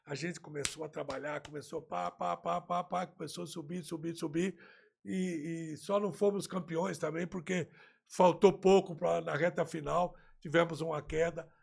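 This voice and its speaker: A Brazilian man, a football coach, tells a story from his career in an animated, conversational way, slipping into the voices of the people he quotes. His voice is gravelly and raspy with fry. It sits somewhat high for a man. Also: moderate pace. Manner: lively, acts out remembered dialogue.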